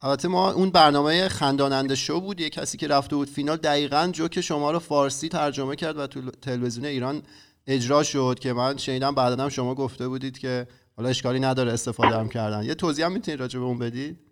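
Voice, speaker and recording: A man's voice: mid-range voice, fairly even intonation. A man hosting a conversational interview, putting questions and comments to his guest. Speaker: interview host.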